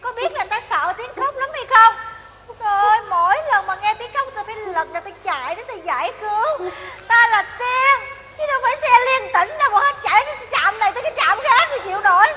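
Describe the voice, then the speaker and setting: A woman's voice: extremely high pitch, expressive, fast, bright, forceful tone, a little hiss or hum, exaggerated voice. A woman playing a bossy, fussy fairy godmother who scolds and exclaims often. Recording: hall with long reverb.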